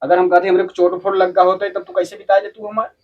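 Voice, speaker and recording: High-pitched grumbling village husband played by a man, Bhojpuri-Awadhi accent. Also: flat delivery, fast, dull audio. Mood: aggrieved. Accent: eastern Hindi belt, Bhojpuri-Awadhi. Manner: argumentative, muttering repetitions, rustic speech. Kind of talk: amateur family skit dialogue.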